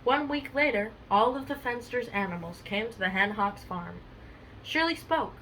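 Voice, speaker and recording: Reading a kids' storybook out loud, this young woman speaks at medium pitch and a moderate pace, her tone fairly bright and her intonation lively. She chats between pages and uses many fillers. The recording is rough, with a little hiss or hum.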